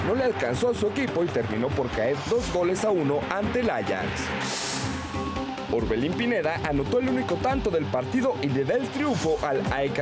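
A man with a Mexican accent narrating scripted sports news as a reporter. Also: fairly high pitch. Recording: voice-over with loud music bed.

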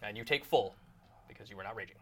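A man running a tabletop game as game master, narrating casually and haltingly as he thinks aloud. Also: on the low side, a little hiss or hum.

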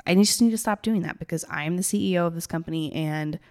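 A woman with a gravelly, tired morning voice, talking informally and ramblingly to listeners like a business coach. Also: fairly low pitch, fast talker, darkish tone. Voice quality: gravelly, raspy. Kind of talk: casual solo talk to listeners.

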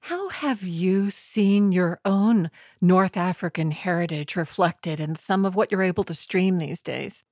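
A woman's voice: on the low side, a little slow, hardly any pauses, darkish tone, no echo, studio quality. A woman hosting a radio interview who asks direct questions.

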